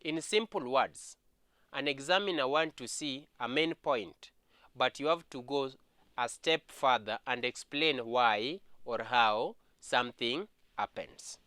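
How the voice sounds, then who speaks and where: A man with a Kenyan English accent teaching an exam revision history lesson, speaking slowly and repeating key points. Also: mid-range voice, bright, forceful tone, no room sound.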